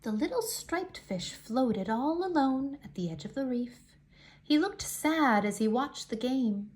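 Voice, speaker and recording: There's a faint hiss or hum as a high-pitched woman reads a picture book aloud to little kids. She reads expressively, leaning on deliberate dramatic emphasis.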